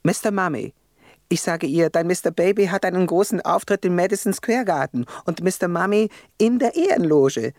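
A man's voice: high-pitched, normal speed, darkish tone, no room sound, studio quality. An actor playing a young male rapper on death row, telling his story in a profane, agitated radio-play monologue. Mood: restless. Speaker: narrator of his own story.

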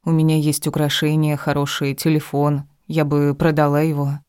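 A sullen, bitter young woman trapped and defiant, her lines delivered low and mellow by a man reading an audiobook. The recording is close and dry, with no room sound. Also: monotone, normal speed, smooth, no echo, close to an everyday voice. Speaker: audiobook reader. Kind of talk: audiobook dialogue.

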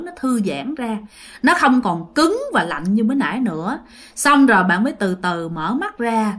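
A woman's voice: a little high, fairly bright tone. A woman retelling a listener's ghost story in a chatty way, speaking straight to her listeners. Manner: chatty, addresses listeners directly.

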